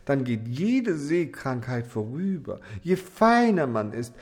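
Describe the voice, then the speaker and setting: A man's voice: medium pitch, very animated, takes it slowly, a little mellow. A man voicing a vain, haughty female darning needle in a fairy-tale audiobook, prim and self-important. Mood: prissy.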